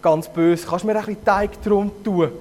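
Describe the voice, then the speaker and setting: A man with a Zurich Swiss German accent voicing a sly, greedy wolf in a storybook tale, muttering low. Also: fairly even intonation, moderate pace, darkish tone, long reverb tail, lightly acted.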